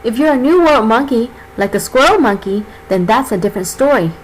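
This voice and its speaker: A gentle, kind-hearted female tree boa with a touch of vanity, as a storyteller puts her on. The voice is lifted above the speaker's own, sweet and friendly. It is a homemade storybook reading with faint background noise. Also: fairly high pitch, animated, brisk, natural voice, poor audio. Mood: explaining.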